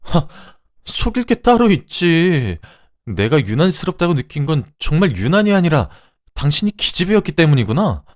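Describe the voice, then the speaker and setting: Brief: man playing an outraged young wife, high, shrill and loud, bone-dry audio. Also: very animated, moderate pace, dry recording. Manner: shrill, accusing, shouting. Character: furious betrayed young wife, shouting.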